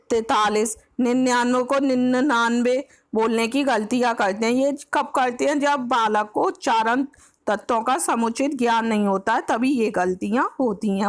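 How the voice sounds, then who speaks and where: Woman tutor, fairly high voice, exam-prep lecture that reads each point then restates it plainly, English words dropped in. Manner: mixes English words into the explanation. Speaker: teacher.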